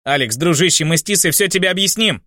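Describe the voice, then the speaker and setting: A man's voice: high voice, lively intonation, fast, bright, forceful tone, no echo, studio quality, voice pushed up. A man voicing a guilty young man, a former friend, defensively pleading in an audiobook.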